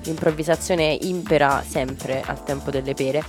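A woman's voice: sits low, steady tone, normal speed, over music. A woman hosting a casual radio talk show, thinking aloud with frequent restarts. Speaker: radio host.

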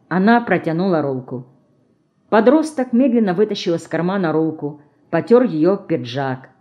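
A woman reading an audiobook, measured and expressive storytelling narration. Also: on the low side. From Russia. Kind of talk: scripted narration.

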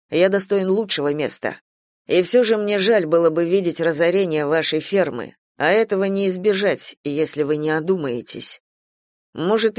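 A man's voice: on the high side, darkish tone, dry recording, clean studio sound, close to an everyday voice. A man playing a steadfast, devoted farm manager who speaks earnestly and bluntly in a radio play.

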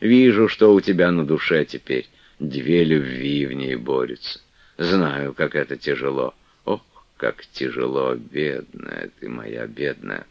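A man's voice: extremely low pitch, vocal fry, no echo, full character voice. A man doing a stern old abbess. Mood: pleading. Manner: solemn, measured, archaic speech. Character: stern, loving elderly woman abbess. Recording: dull, dry lo-fi recording.

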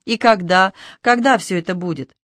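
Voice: medium pitch, normal speed, a bit bright, no room sound, natural voice. A reader voicing an anxious mother who pleads with her son in alarm. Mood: pleading.

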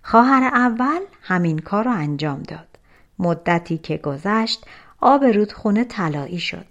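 A woman narrates a folk tale for an audiobook. Her pitch sits in a middle range, and she tells the story in a gentle, even way with scripted storybook pacing. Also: lo-fi sound.

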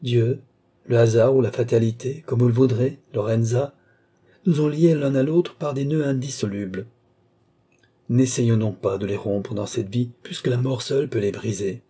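A mysterious man keeps his captive in line with calm, sorrowful persuasion, played by the reader himself. His tone is very dark and mellow, roughened by a husky edge. The storybook delivery stays gentle but never yields. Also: mid-range voice, moderate pace, close to an everyday voice. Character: man, a mysterious captor, sad and insistent.

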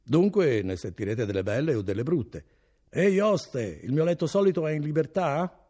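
Cast: man playing booming confident merchant, raspy, lively, bossy with the innkeeper. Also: normal speed. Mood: hearty. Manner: hearty, loud, commanding. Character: jovial self-assured male merchant. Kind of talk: audiobook character reading.

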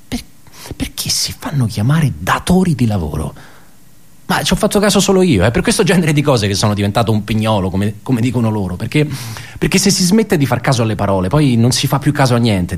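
The actor, medium-pitched, voices an indignant office worker in a radio play monologue. The man is bitter and pedantic, stumbling and repeating words as he fires off rhetorical questions.

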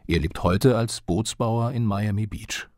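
A man narrating a radio documentary in a measured, serious reading style. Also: on the low side, darkish tone, dry recording, clean studio sound.

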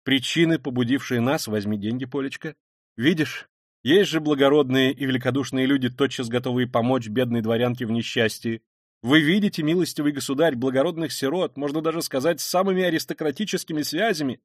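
A man reading an audiobook voices a feverish, consumptive noblewoman who is proud and hysterical, with a shrill and frantic manner. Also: brisk, dry recording, clean studio sound, close to an everyday voice.

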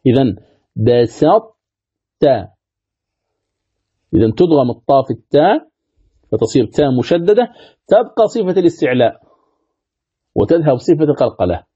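A man with a somewhat high voice gives a recitation lesson, laying out each rule step by step and repeating the key points. He stretches the example words out slowly, as if chanting them. The audio is dull and lo-fi. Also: sing-song, mellow, slightly rough. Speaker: Quran recitation teacher. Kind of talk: religious lesson commentary on a text.

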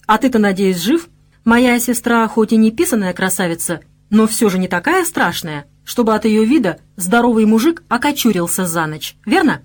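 A woman's voice: on the high side, animated, moderate pace. Woman reading a teasing young nobleman. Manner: mocking, joking.

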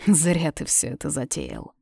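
A woman's voice: low-pitched, unhurried, gravelly, husky, no room sound, studio quality, full character voice. A woman voicing a stern, commanding young king in a storybook reading. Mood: calm. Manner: calm and commanding.

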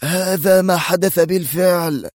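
A man's voice: on the high side, normal speed, no room sound, pitched above the performer's own voice, close to an everyday voice. An old man eagerly telling what he saw, as a male narrator puts him on. The voice is raised and earnest. The recording is close and dry. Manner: earnest and excited.

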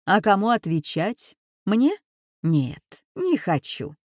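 A man's voice: high voice, very animated, slow, dry recording, studio quality, heavily acted. Woman reading as a smug patronizing male boss. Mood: smugly patronizing. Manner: patronizing, falsely cheerful. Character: smug condescending male university rector, middle-aged. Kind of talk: audiobook reading.

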